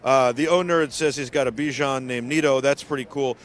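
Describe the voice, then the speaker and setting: A middle-aged New Yorker with a medium-pitched voice hosts a casual live stream, walking around a city park. He's chatty and upbeat, using lots of fillers, with fairly even intonation at a moderate pace.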